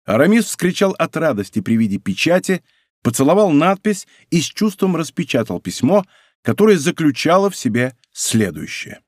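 Expressive male audiobook narrator. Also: on the high side, normal speed, dry recording, clean studio sound.

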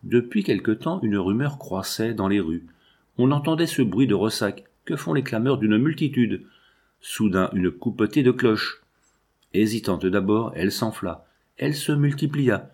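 A man with a lowish voice reads a novel aloud. His narration is measured and even, paced like a careful audiobook. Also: slightly rough. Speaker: audiobook reader.

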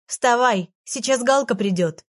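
A woman reading an audiobook voices a cheeky, impatient little female fairy with a high, chirpy, commanding manner. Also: a little slow. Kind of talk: audiobook character voice.

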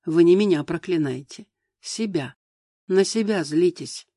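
A composed, defiant young wife, voiced by a male reader in an audiobook. She speaks quietly and coolly, keeping herself in check. The voice sits fairly high for a man and sounds dry and close. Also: measured pace, no echo. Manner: calm, quiet, cool.

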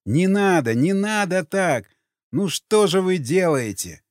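A man voicing a horrified young man who shouts and implores a mob to stop. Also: high-pitched, animated, slow, dry recording, clean studio sound, pitched above the performer's own voice. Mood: horrified pleading.

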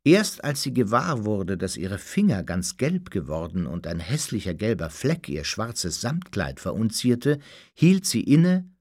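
Ein Mann liest ein Hörbuch in der Ich-Form, theatralisch und ausdrucksvoll, mit stark bewegter Stimmführung. Die Aufnahme klingt trocken und nah, ohne Raumhall. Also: male voice, fairly low pitch, unhurried, no echo, studio quality. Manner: theatrical, expressive. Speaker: audiobook reader. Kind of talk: dramatic first-person storybook narration.

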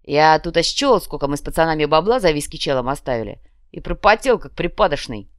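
A woman reading as a crude little red-cap gang boss, a creature of a magic underworld, who brags in loud, slangy bursts and never lets a deal go. The voice sits fairly low and comes across dry and close, with no room around it, as an audiobook character voice. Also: animated, fairly quick, dry recording. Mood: boastful.

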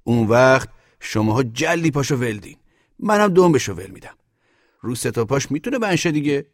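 A man voicing a rough, bossy street sweeper who talks in coarse everyday slang. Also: medium pitch, big pitch swings, no echo, studio quality, pitched above the performer's own voice. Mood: insistent. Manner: coarse colloquial, insistent.

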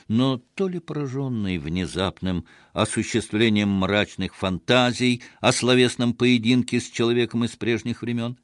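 A man narrating an audiobook in a measured, expressive storytelling manner. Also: mid-range voice, dry recording, studio quality.

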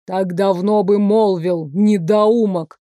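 A woman voicing a hot-tempered young tsarevich who barks insults in a slow, drawn-out way. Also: medium pitch, steady tone, warm tone, dry recording, studio quality, lightly acted. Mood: angry. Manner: gruff, barking insults, slow drawn-out delivery.

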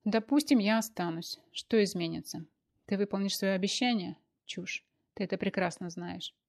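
A woman's voice: mid-range voice, normal speed, vocal fry, close to an everyday voice. A woman doing a cold, scornful young man. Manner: calm, cutting, scornful. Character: cold, contemptuous young man, calm but harsh.

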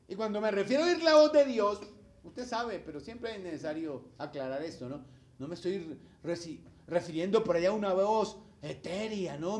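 A man preaching a sermon as pastor, speaking, asking his congregation questions and acting out the voices of the people in his examples. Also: on the high side. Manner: animated preaching, acts out quoted voices, asks the congregation questions.

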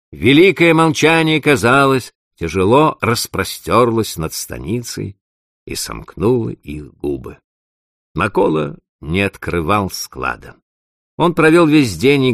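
A male audiobook narrator with a low, gravelly voice. He reads expressively, and his pitch rises and falls a great deal through the story. The recording is close and dry, with no room sound. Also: no room sound. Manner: expressive, dramatic reading.

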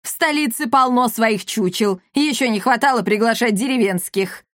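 Woman voicing a bossy commandant lady, high, shrill, shouting, mocking, storybook, dry sound. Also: moderate pace, no room sound, lightly acted. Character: loud brash middle-aged woman commandant, bullying.

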